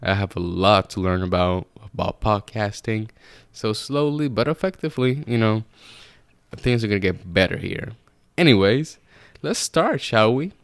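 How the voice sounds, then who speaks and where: A man's voice: on the low side, expressive, normal speed, clear, resonant tone, no echo. A man, hosting a solo podcast from his apartment, rambling casually and swearing freely. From Puerto Rico. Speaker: podcast host. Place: apartment room.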